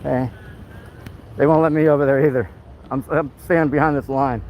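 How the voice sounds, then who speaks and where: An activist films police on a city sidewalk with a handheld phone, narrating live in an indignant, rambling way. His mid-range voice is slightly mellow, with fairly even intonation at a normal pace. The outdoor recording is low quality, with a little hiss or hum.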